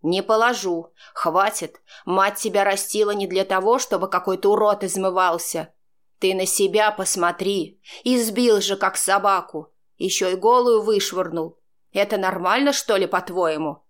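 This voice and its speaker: A woman's voice: mid-range voice, moderate pace, a bit bright, lightly acted. A woman voicing a worried, scolding middle-aged godmother aunt in an audiobook, demanding and exasperated. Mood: angry. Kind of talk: audiobook character reading.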